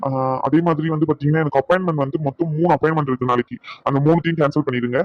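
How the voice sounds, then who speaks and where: A man's voice: on the high side, steady tone, rapid-fire, dry recording, close to an everyday voice. An actor playing a short-tempered husband who scolds his wife with bitter sarcasm, in a dull lo-fi recording. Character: angry proud husband, adult man, short-tempered. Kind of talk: Tamil family drama acting.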